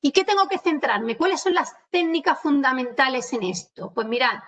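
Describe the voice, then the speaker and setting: A woman with an Andalusian Spanish accent and a high, slightly bright voice presents a communication skills webinar from home. She explains things while speaking directly to her audience, slowing down to stress key words. Her computer mic on the video call makes the audio sound distant and dull.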